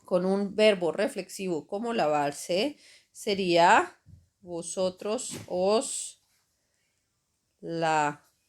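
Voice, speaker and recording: A woman's voice: on the low side, expressive. A woman teaching a grammar lesson over slides, explaining patiently and checking in with "ok?" and "right?" after each step. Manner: slow, patient explaining with frequent "¿ok?" and "¿cierto?" checks. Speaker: Spanish teacher.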